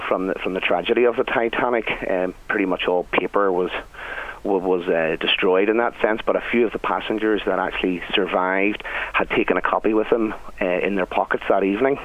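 A middle-aged Northern Irish man with a fairly low voice talks as a chef being interviewed on the radio. He is chatty and anecdotal, and the sound is narrow and a little tinny. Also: fairly even intonation, fairly quick. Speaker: guest, restaurant chef. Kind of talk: conversational radio interview answers.

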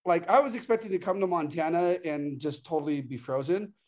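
A man's voice: fairly high pitch, brisk, darkish tone. A man chatting casually about a shooting match, enthusiastic and laughing a lot. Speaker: guest shooter. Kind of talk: casual chat.

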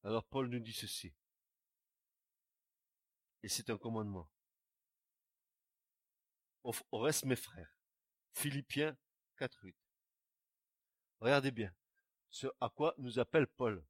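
A man preaching a sermon, animated, with stammered restarts and sudden loud outbursts. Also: mid-range voice, measured pace, long pauses, dry recording, studio quality. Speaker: pastor.

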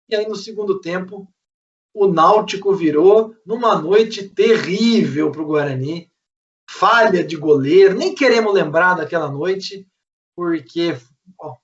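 With a fairly bright, high-pitched voice and a Brazilian accent, a man hosts a casual football fan show, recapping and discussing matches. The mic sounds dull and distant.

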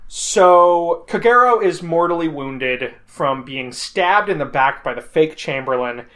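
A woman's voice: deep voice, lively intonation, measured pace, a bit bright. A woman in casual chat about a film, wry, laughing and swearing.

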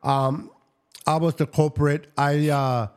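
A man's voice: fairly high pitch, little pitch movement, slow, clean tone. A man hosting a casual sports podcast, teasing his co-hosts and tossing in Spanish slang while he wraps up the show. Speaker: podcast host.

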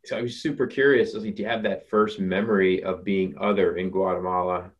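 A man's voice: low-pitched, fairly even intonation, brisk. A man hosting an interview, asking thoughtful questions with some hesitation and fillers. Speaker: podcast host. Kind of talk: interview conversation. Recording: slightly dull lo-fi sound.

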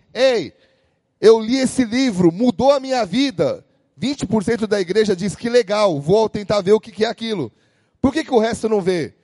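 A Brazilian man preaching a sermon as a pastor, energetic and calling out to the congregation. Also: sits high, no room sound, big-room sound. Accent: Brazilian Portuguese. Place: church hall.

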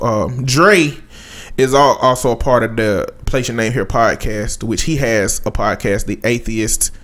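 A man co-hosting a podcast in a casual, rambling, somewhat halting way. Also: medium pitch, a bit bright. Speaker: podcast co-host.

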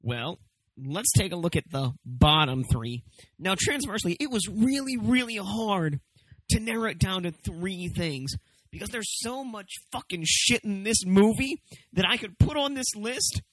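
A man with a slightly high voice hosts a comedic review in a loose, emphatic way, leaning hard on words for stress. The sound is very dry and close. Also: expressive, a little slow, a bit bright, dry recording, poor audio. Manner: emphatic, profane, swooping for stress. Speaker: movie review show host. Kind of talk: casual, comedic review commentary.

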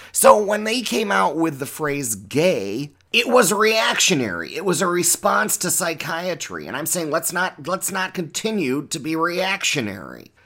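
A man's voice: a little high, vocal fry, a bit bright. A middle-aged man hosting a podcast as a drag queen, giving a rambling, tangential, profane monologue. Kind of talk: opinionated monologue.

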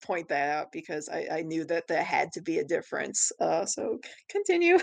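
A woman's voice: deep voice, big pitch swings, normal speed, gravelly. A woman co-hosting a podcast, recapping an anime in casual chat, laughing often and filling her talk with fillers and restarts. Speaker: podcast co-host.

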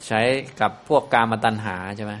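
A man giving a relaxed, conversational Buddhist Dhamma talk in a lecture hall, explaining Pali terms with easy asides. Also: normal speed.

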